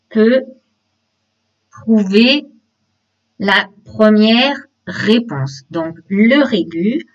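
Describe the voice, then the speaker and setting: A woman's voice: medium pitch, a bit bright. A woman leading an online teacher-training webinar, explaining classroom games step by step and speaking directly to participants over a video call. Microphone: computer mic on a video call. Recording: dull lo-fi webinar audio.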